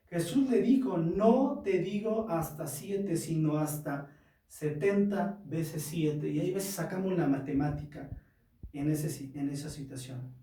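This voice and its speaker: Pastor, male, slow sermon delivery, dark tone, echoey church hall, mic set off at a distance. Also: sits high. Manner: unhurried preaching, addressing the church directly. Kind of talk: sermon reading and explaining scripture.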